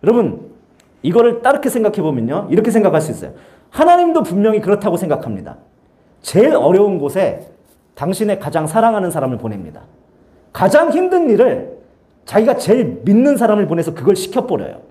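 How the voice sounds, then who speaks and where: A man preaching a lively youth sermon in a church, telling the story with sound effects and acted-out lines. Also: sits high, a little fast. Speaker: youth pastor.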